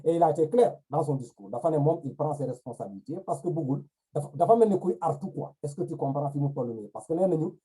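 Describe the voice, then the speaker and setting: A man's voice: a little high, lively intonation, fast, hardly any pauses, dark tone, slightly rough, poor audio. A man hosting a talk show who presses his guest with questions. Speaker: host. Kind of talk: casual talk-show conversation.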